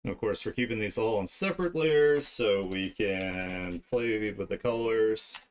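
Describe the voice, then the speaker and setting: With a fairly low voice at a measured pace, a male streamer talks casually while he draws digitally on a livestream. He thinks out loud and frequently lets his sentences trail off unfinished.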